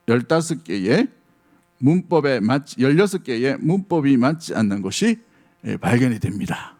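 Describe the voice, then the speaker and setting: A man's voice: mid-range voice, darkish tone. A middle-aged male pastor preaching a sermon, speaking earnestly and conversationally and often asking the congregation questions.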